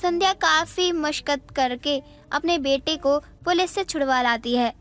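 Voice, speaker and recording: A woman narrating an animated moral story in a plain, even storytelling manner. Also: sits high, unhurried.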